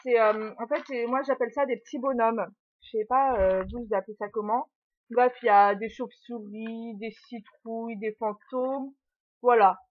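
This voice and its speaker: A woman's voice: a little high, fairly even intonation, moderate pace. A young woman chatting casually and giggling through a haul video at home, filling her talk with little hesitations and talking to her puppy. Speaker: vlogger. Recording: dull lo-fi sound.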